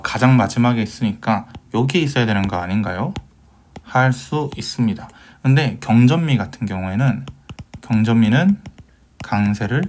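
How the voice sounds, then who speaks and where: A man's voice: medium pitch, darkish tone, slight background noise. A man giving a recorded Hebrew grammar lecture, patiently asking questions and answering them himself, with many fillers.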